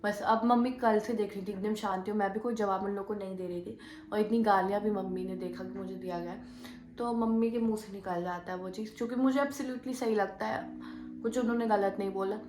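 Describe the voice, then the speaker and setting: A woman's voice: medium pitch, fairly quick, background noise. A young woman vlogger casually recounting a story, acting out the quoted arguments as she goes. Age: young adult. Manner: animated retelling, acts out quoted arguments. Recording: echoey room.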